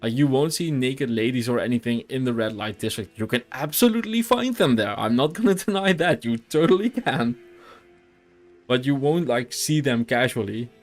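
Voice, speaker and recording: A man's voice: mid-range voice, animated, moderate pace, faint music behind. A young Dutch man with a Dutch accent, chatting casually while streaming a game, rambling with fillers and restarts. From Netherlands. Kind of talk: casual gameplay chat.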